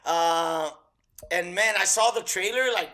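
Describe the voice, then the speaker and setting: A hoarse man co-hosting a casual podcast, hyped and rambling, joking often. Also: sits high, unhurried, pushed and bright. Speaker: podcast co-host. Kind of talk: casual chat.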